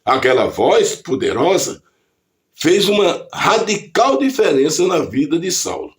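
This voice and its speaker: Slow, deliberate Brazilian preacher man. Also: sits high. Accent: Brazilian Portuguese. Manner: slow, deliberate preaching delivery reading scripture aloud. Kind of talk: scripted devotional reflection.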